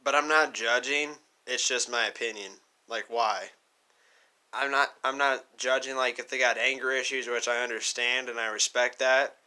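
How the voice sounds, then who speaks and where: A man hosting a reaction video with a very bright, sharp-edged voice. His commentary is casual and slangy, built on exasperated rhetorical questions. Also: medium pitch, fairly even intonation, moderate pace, clean tone.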